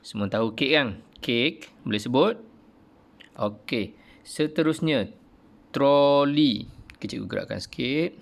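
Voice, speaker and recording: A male primary school teacher with a Malaysian Malay accent, giving an online lesson and saying each word slowly and clearly for pupils to repeat. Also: medium pitch, lively intonation. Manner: repeats words slowly and loudly for pupils to copy.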